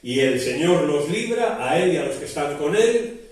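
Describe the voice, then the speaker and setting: A man's voice: fairly high pitch, lively intonation, normal speed, darkish tone. A male pastor preaching a sermon, explaining with frequent restarts and rhetorical questions. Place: church. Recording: very echoey church hall from a distance.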